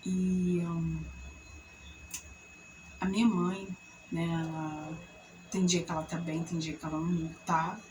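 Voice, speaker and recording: A woman's voice: slow pace, pauses often, slight background noise, low-quality recording. A woman in her thirties casually telling a personal faith testimony, acting out what people said with big jumps in her voice. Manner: animated storytelling, acts out quoted voices with big pitch jumps. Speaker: vlogger sharing a testimony.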